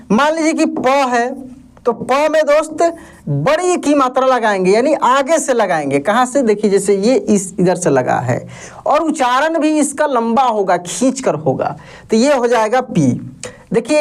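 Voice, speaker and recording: A man teaching an online lesson, patiently asking questions and answering them himself while reassuring learners. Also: extremely high pitch. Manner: reassuring, tells learners not to worry. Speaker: Hindi teacher.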